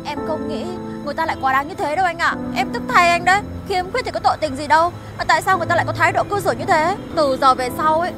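A loyal young girlfriend protests in a very high voice. She talks very fast and sounds indignant and protective. Music runs underneath. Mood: upset. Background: background music.

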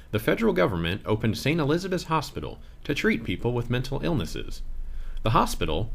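A man reading a scripted audio tour narration in a measured, expressive way. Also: mid-range voice, gravelly.

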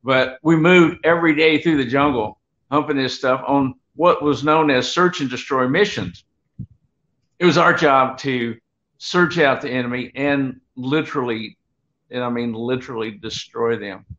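A man in his seventies reminiscing as a veteran in a halting, unhurried, rambling grandpa storytelling way. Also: medium pitch, fairly bright tone. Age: 70s. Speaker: guest, Vietnam veteran. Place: home room, on a video call. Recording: dull, lo-fi video call audio.

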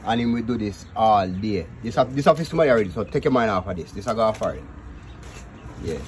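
A man with a Jamaican accent hosting a casual vlog on a rural farm, chatting in lively patois. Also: fairly low pitch, quick pace, slight background noise. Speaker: vlog host. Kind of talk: casual on-location chat. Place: outdoors at a rural farmyard.

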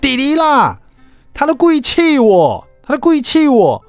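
A man's voice: huge pitch swings, moderate pace, dry recording, faint music behind, full character voice. A man putting on a whiny eight-year-old boy. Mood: aggrieved. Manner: shrill, complaining, repeats himself.

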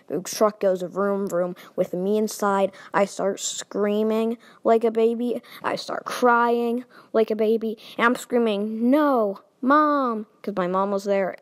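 Woman, casual storytime narrator: animated, playful, bouncing between hushed and loud. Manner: animated, sudden jumps in pitch and loudness; chatty, playful asides. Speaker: storytime video maker.

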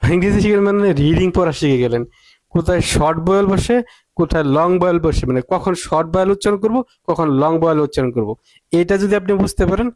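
Male English tutor, higher-pitched, drills with rhetorical questions, dry close mic. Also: a little mellow, no room sound. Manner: emphatic, repeats points and asks rhetorical questions. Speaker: English teacher. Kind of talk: spoken English lesson.

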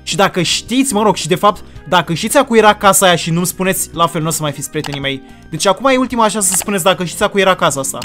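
Guy with a high voice hyped up narrating his game, dramatic, yelling oh my god in english, little music behind. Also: few pauses. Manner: theatrical, exclaiming, slips into English outbursts. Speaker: gaming video creator. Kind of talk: excited gameplay commentary.

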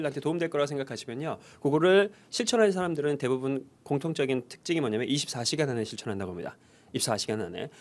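A male English conversation teacher leads a high-energy lecture at a fast clip. His voice sits slightly high and swings widely in pitch. He keeps cueing the class to jump in and repeat after him.

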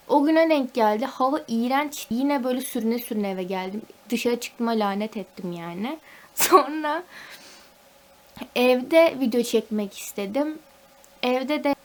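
A young woman, a university student, venting at home in a casual vlog, talkative and mock-dramatic. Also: fairly high pitch. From Turkey. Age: young adult.

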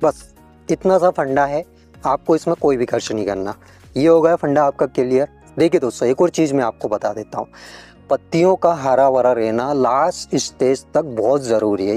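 A man's voice: medium pitch, warm tone, no room sound. A man hosting a farming advice channel, explaining crop care to farmers in a friendly tutorial way, often addressing them as friends.

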